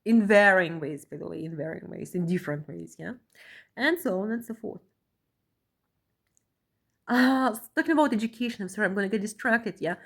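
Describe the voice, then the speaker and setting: A Russian woman, a vlogger and asylum seeker, earnestly reads a document aloud, repeating herself and often tagging phrases with a questioning "yeah?". Her medium-pitched voice carries vocal fry, and she moves briskly yet leaves long pauses.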